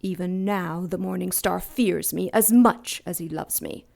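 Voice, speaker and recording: A woman's voice: on the low side, measured pace, gravelly, darkish tone. An actress playing Lilith, an ancient female demon who is grandiose, menacing and contemptuous, in an audio drama.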